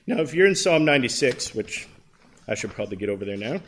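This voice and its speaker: He talks fast, with a medium pitch and big swings in intonation: a thirtysomething Canadian man with a Canadian accent leading a Bible class. The talk is earnest and conversational, and he often says um and restarts his sentences.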